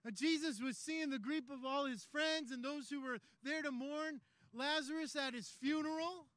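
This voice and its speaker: A man preaching a sermon, telling the story conversationally and building to shouted climaxes. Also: very high-pitched, normal speed, no echo. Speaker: pastor.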